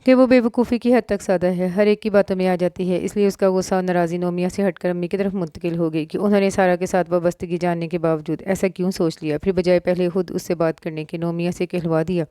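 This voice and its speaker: A woman reading a romance novel aloud with steady, even storytelling. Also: lowish voice, fast, hardly any pauses, smooth, no echo, clean studio sound. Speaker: audiobook narrator.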